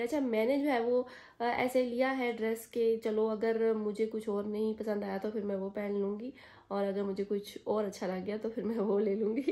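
A woman in her thirties vlogs casually despite a sore throat, chatting straight to viewers on a handheld phone both at home and on a shopping trip. Her voice is medium-pitched and mellow.

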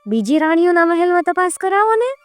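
A woman's voice: very high-pitched, sing-song, fairly quick, no echo, soft background music, voice pushed up. A woman voicing a shape-shifting demon goat disguised as a beautiful woman, pleading in a tearful, wheedling way. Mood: sly.

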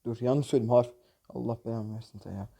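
A man's voice: medium pitch, fairly even intonation, quick pace, creaky, dark tone, slightly rough. A man hosting a gaming channel, commenting on opening loot boxes in a mobile game, exasperated and jokey, often cursing at the game.

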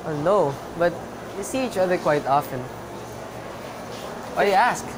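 Teen guy doing a restless fad-crazy schoolboy, highish voice, heavy hiss. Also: expressive, moderate pace. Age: teens. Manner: restless, insistent. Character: impulsive teenage schoolboy chasing fads. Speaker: student obsessed with boxing gloves. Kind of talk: student short film acting. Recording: loud background noise.

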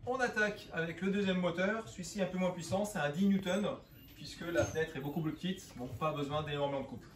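Indoors, near the windows of a home room, a DIY channel host in his forties walks through a project step by step in a casual, matter-of-fact way. He has a high voice and talks fast. The recording picks up echo, background noise, and the distance of the mic.

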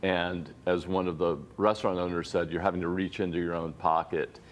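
A middle-aged man, a journalist guest, calmly explaining his reporting in a TV news studio interview. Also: low-pitched. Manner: measured, explanatory, paraphrasing sources. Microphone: lapel mic.

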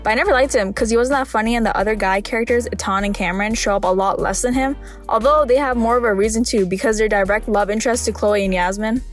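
A woman's voice: a little high, fast talker, soft background music. A woman narrating scripted video commentary with dry, wry humour.

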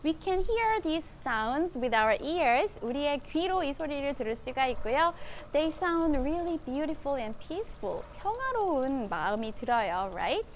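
A woman with a Korean accent teaching children English through a picture book, reading the English slowly and explaining each part in her own language. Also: sits high, very animated, slight background noise. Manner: slow, exaggerated English read-aloud with quick explanations in her own language. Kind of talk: bilingual storybook lesson for children.

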